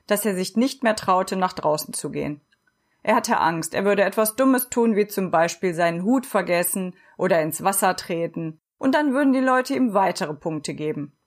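A woman narrating a children's storybook in a steady, expressive reading voice. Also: mid-range voice. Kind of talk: storybook narration read aloud.

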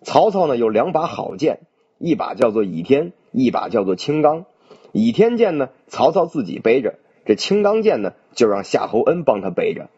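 Man storyteller, animated dramatic retelling, lively pitch, husky, dull lo-fi sound. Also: moderate pace. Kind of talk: classic novel storytelling.

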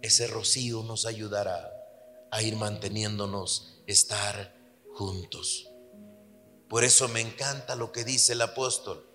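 Slow, bright-voiced pastor preaching. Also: male voice. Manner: earnest, drops low for emphasis, then lively storytelling. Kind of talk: sermon. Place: church hall. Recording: reverberant church hall with soft music.

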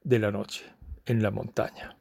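A man telling a parable slowly, in short measured phrases, as part of a sermon. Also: on the low side, little pitch movement, gravelly, dark tone, slight background noise.

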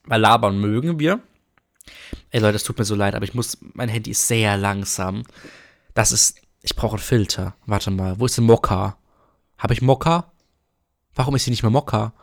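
A man's voice: lowish voice, normal speed, creaky, pauses often. A man co-hosting a casual podcast chat, joking around and rambling on between topics. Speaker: podcast co-host.

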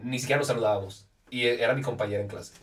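A young man with a Mexican accent tells anecdotes with an easy, self-mocking humor. His voice sits at a middle pitch and sounds slightly distant from the microphone. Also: fairly even intonation, very fast. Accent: Mexican Spanish. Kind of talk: casual chat. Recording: distant mic.

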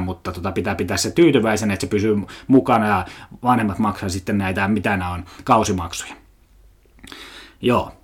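A young man talking casually on his own, ranting, swearing often and wandering from story to story. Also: medium pitch. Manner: swears a lot, rambling comic rant.

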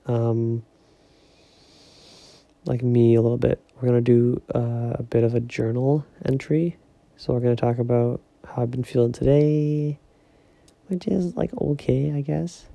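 Soft-spoken young man, gravelly and dark. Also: mid-range voice, no room sound. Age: young adult. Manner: rambling, filler-heavy, talking softly so as not to wake others. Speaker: podcast host. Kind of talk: casual solo podcast musing. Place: home at night.

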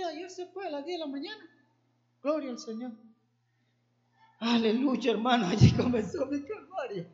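A man, a pastor, giving an earnest, emotional sermon with a personal testimony. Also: extremely high pitch. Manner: earnest and emotional, building to fervent exhortation. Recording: echoey room, dull lo-fi sound.

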